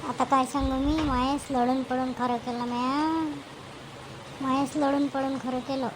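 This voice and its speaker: A woman's voice: high voice, level tone, measured pace, noisy background. A woman with a Varhadi Marathi accent playing a put-upon young wife and daughter-in-law who pleads and complains in a village comedy skit. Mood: tearful.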